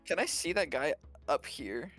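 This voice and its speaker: A man's voice: fairly high pitch, big pitch swings, normal speed, a bit bright, soft background music. A man playing a tabletop game, thinking aloud in a hesitant way with many fillers as he works through his turn. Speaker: player. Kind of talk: casual tabletop game play.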